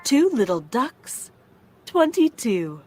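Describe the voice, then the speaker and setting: A woman calling bingo numbers with their rhyming calls, slow and measured. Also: fairly high pitch, very animated. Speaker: bingo caller. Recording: loud music playing underneath.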